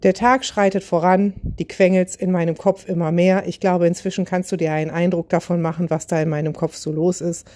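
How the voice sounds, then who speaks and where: A woman hosting a podcast, telling a humorous story in a lively, self-mocking way. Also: fairly low pitch, brisk, few pauses. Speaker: podcast host.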